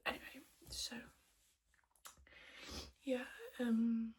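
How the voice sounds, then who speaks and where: Hushed, whispering woman chatting quietly. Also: fairly high pitch, flat delivery, extremely slow. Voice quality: whispered, breathy voice. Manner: hushed and quiet so as not to wake housemates; rambling, self-deprecating. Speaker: podcast host. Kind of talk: casual chat to podcast viewers.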